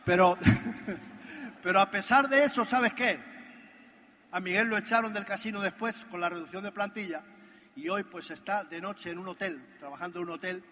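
A motivational speaker at a business convention delivers a stage talk in a large, reverberant convention hall. His voice is high and bright, and he moves at a moderate pace. He tells stories with animation and poses rhetorical questions.

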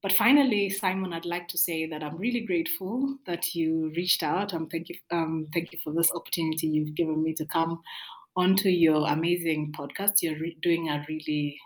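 Low-voiced woman, measured podcast guest. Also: fairly even intonation, poor audio. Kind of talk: casual conversational interview.

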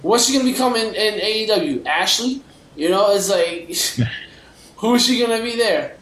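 A man with a high-pitched voice hosts a casual wrestling talk podcast. He speaks conversationally, and the room around his voice is echoey. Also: animated, moderate pace, fairly bright tone. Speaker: podcast host. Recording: roomy, echoey sound.

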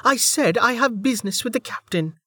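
A man putting on a livid female fighter, pitched high above his usual voice, who snaps her words out through clenched teeth. Her tone is husky and dry, and she is ready to lash out at any moment. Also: lively intonation, fairly quick, sharp tone, no echo, exaggerated voice. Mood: tense. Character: furious cornered female rogue warrior.

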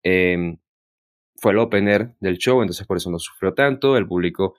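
A man's voice: deep voice, moderate pace, no room sound, clean studio sound. A man chatting casually and analytically as a podcast co-host, giving his opinions on a show. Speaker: podcast co-host reviewing wrestling.

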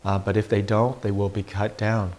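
Low-voiced man preaching as a priest. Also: little pitch movement, normal speed, a little mellow. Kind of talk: Gospel reading and informal homily.

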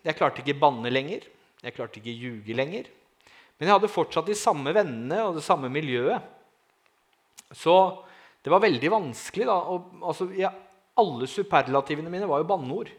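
A man telling a personal testimony in a lively way, often asking his listeners "right?" and swinging from quiet to loud. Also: fairly high pitch. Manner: lively, asks the audience "right?", dramatic swings in loudness. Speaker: speaker giving a testimony.

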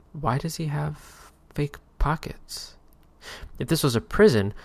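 A man narrating a scripted story in a measured, dry manner. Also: medium pitch, dry recording. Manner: measured, dry storytelling with occasional hushed whispers.

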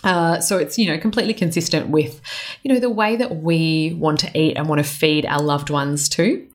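Woman, Australian accent, low voice, podcast host, informal conversational sponsor message. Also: steady tone, moderate pace. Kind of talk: informal ad read.

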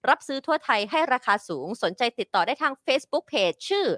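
Lively high-voiced woman co-host. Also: a little fast, no echo, clean studio sound. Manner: lively, playful. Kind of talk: casual chat reading sponsor plugs.

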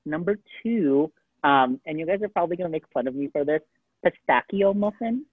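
A man's voice: on the high side, fast, no echo. Casual man on a tinny line. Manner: rambling, heavy use of "like" and "um". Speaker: podcast co-host. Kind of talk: casual chat. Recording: tinny phone-like dry sound.

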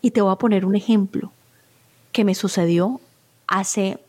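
A woman's voice: mid-range voice, fairly even intonation, a little slow, darkish tone. A middle-aged woman, a spiritual therapist, speaks as an interview guest and tells personal stories in an earnest, heartfelt way. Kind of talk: interview conversation, personal storytelling.

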